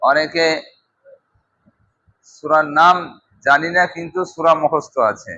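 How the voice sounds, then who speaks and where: A man teaching a Quran class, slowly drilling students on pronunciation with questions they answer back. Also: a little high, steady tone, bright, forceful tone. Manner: slow, drilling pronunciation with call-and-response questions. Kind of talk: classroom recitation lesson. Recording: dull lo-fi class recording with crowd noise.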